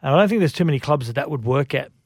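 An Australian man giving opinionated sports talk as a rugby league pundit, thinking aloud in a halting way. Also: medium pitch, lively intonation, no room sound, studio quality.

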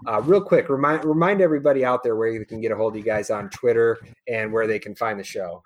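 A man hosting a fantasy football podcast and signing off the show in a relaxed way, with plenty of ums and you-knows. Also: on the low side, quick pace. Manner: relaxed, filler-heavy, friendly. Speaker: podcast host. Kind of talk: casual podcast sign-off.

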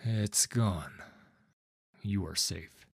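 A man's voice: low voice, very slow, gravelly, breathy edge, no echo, clean studio sound, heavily acted. A man voicing a grim, driven male monster hunter who speaks in short, commanding phrases. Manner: terse, commanding.

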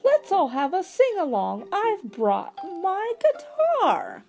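A woman's voice: very high voice, huge pitch swings, slow, over music, pitched above the performer's own voice, full character voice. A woman voicing a cute, kind male pumpkin in a storybook, bubbly, eager and friendly. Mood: chirpy, eager. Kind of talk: storybook character voice.

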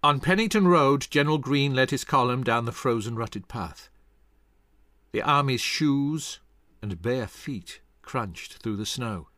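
A man's voice: medium pitch, animated, measured pace, bright, forceful tone, no room sound, clean studio sound. A man narrating a scripted history story dramatically, acting out the voices of the people in it. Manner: dramatic, acts out quoted voices.

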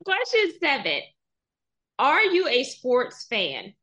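A woman, hosting a podcast interview in an energetic, playful way. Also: high-pitched, slow. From Texas, US. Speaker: podcast host.

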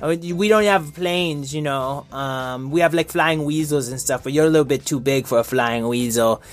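A man's voice: a little high, moderate pace, soft background music, pitched below the performer's own voice, natural voice. A man voicing a goofy, easygoing talking dog with an overlong tongue, rambling and stammering with impeded speech. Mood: flustered, eager. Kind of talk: children's improvised storytelling.

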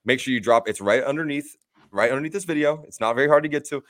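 A man's voice: medium pitch, fast talker, a bit bright. A young man co-hosting a casual sports podcast, rambling upbeat through ad reads and laughing at his own stumbles. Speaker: podcast co-host.

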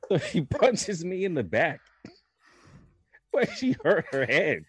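A young man telling a personal story in a casual podcast chat, animated and laughing as he talks. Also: sits high, slow pace, breathy edge, no echo. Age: young adult. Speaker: podcast co-host.

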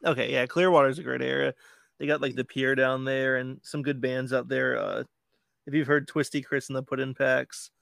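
A man from Florida, a podcast guest and band member, talking in a relaxed, easygoing casual chat. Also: medium pitch, moderate pace, vocal fry, dry recording, studio quality.

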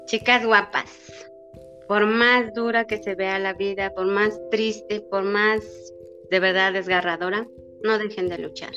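A woman with a Mexican accent, a single mother speaking as a guest in an interview, telling her stories in a lively, heartfelt way. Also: medium pitch, measured pace. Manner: warm, lively storytelling with laughter. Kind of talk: emotional storytelling interview. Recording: dull lo-fi audio with music behind.

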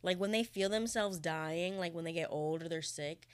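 A woman's voice: fairly low pitch, normal speed. A young woman co-hosting a podcast, telling a story in casual chat and laughing often. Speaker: podcast co-host.

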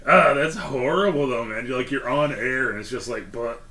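A man co-hosting a podcast in casual chat, with dark gallows humor, frequent swearing and lots of hesitant fillers. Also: medium pitch, normal speed. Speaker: podcast co-host.

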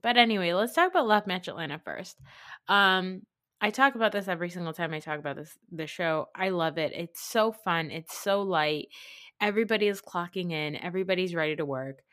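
Female podcast host, lowish voice, slight retainer lisp, chatty self-deprecating recap style. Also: fairly quick, fairly bright tone, no room sound, clean studio sound. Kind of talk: casual chatty reality-TV recap.

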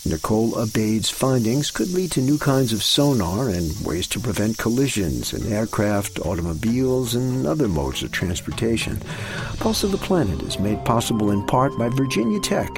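Expressive low, gravelly male radio narrator. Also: normal speed, music in the background. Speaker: radio science show host.

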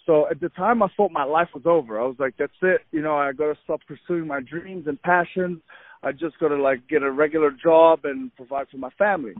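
A man in his thirties from Egypt talks as a guest in an eager, animated way, full of fillers and quick restarts. His voice comes through a tinny, phone-like line. The sound is dry with no room around it. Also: a little high, no echo. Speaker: podcast guest, fitness trainer. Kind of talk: casual interview chat.

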